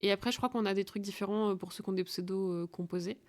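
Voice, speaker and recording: A woman's voice: medium pitch, steady tone, fast talker, darkish tone. A woman streamer chatting playfully and teasing while she plays, sounding tired. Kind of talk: casual live-stream game chat.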